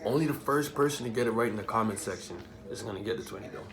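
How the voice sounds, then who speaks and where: Racing along with a crowd audible behind him, a young adult Bahamian man with a fairly low voice answers viewer questions. The vlog chat is casual and joking, packed with streetwise slang.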